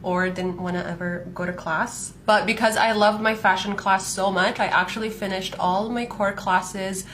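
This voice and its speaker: A chatty young woman in her mid-twenties tells her life story while doing her makeup at home, her voice sitting at a middle pitch. She talks casually with lots of fillers, and a faint hiss sits under the recording. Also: steady tone, moderate pace, a bit bright. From Palestinian, born in Saudi Arabia, raised in Canada. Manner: chatty, frequent "like" fillers, light laughs. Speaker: fashion content creator. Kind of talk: casual get-ready-with-me storytelling.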